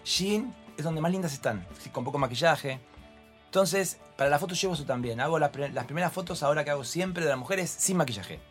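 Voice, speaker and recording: A man with an Argentine accent, a fashion photographer being interviewed, telling lively anecdotes and acting out voices. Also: fairly high pitch, a little fast, soft background music. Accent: Argentine Spanish. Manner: expressive storyteller, acts out voices. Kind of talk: animated anecdotal chat.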